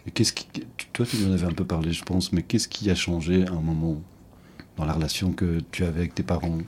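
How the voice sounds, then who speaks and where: A man interviewing someone one-on-one, asking gentle, probing follow-up questions that recall their earlier talks. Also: deep voice, steady tone, fairly quick, slight background noise.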